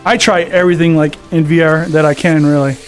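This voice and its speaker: A man's voice: fairly high pitch, steady tone, fairly quick, soft background music. A man chatting casually on a live game stream, out of breath from walking on a VR treadmill and reading viewer comments aloud. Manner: reads viewer comments aloud and chats back. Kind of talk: casual live-stream chat while gaming. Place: home gaming setup on a VR treadmill.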